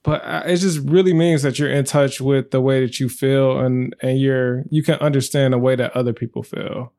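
A man's voice: medium pitch, steady tone, normal speed, warm tone. A man hosting a relationship podcast in casual chat, leading the topic in an easygoing way and laughing often. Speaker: podcast host.

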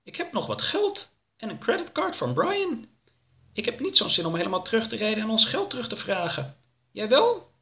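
Man putting on a high, eager traveler voice, anxious, talkative, bright tone, storybook. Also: huge pitch swings, moderate pace, vocal fry, heavily acted. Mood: coaxing.

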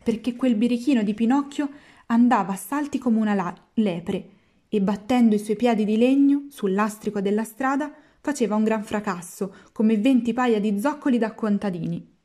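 A woman narrating a storybook in a measured, expressive read-aloud. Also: fairly high pitch. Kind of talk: storybook reading.

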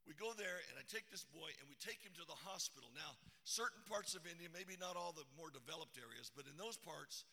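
Casting: middle-aged male pastor, bright forceful storytelling voice, echoing church hall. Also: fairly high pitch, a little fast, creaky, few pauses. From Arizona. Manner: animated, dramatic retelling with sound effects. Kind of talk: sermon storytelling.

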